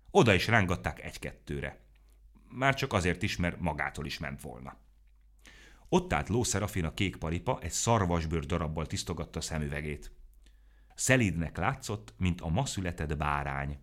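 A man narrating a children's story in an expressive, animated way. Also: low voice. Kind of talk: storybook reading.

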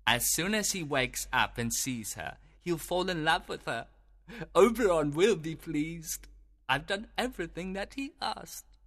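Man putting on a fairy servant, mischievous, bright and tense, muttering, dry sound. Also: fairly high pitch, lively intonation, measured pace, no room sound, pitched above the performer's own voice, full character voice. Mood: pleased. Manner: muttering to himself.

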